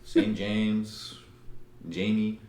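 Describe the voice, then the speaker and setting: A young man from Colombia co-hosting a casual podcast, halting and repeating words, joking around. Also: on the low side, completely flat delivery, darkish tone. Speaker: podcast co-host. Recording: echoey room, faint background noise.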